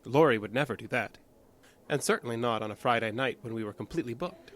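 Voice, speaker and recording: In an audio drama, an actor plays a stubborn, guarded diner assistant manager under questioning, answering tersely and insistently with a defensive mood. He talks fast in a medium-pitched, slightly bright, natural voice.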